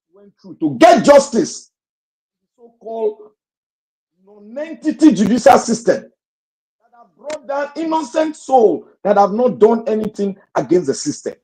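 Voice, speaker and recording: A man's voice: high voice, darkish tone, rough recording. A man with a Nigerian accent giving impassioned, emphatic political commentary over an online voice call whose volume drops and comes back. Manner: emphatic, repeats phrases for force. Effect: uneven volume, audio dropping in and out. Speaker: speaker in an online audio room.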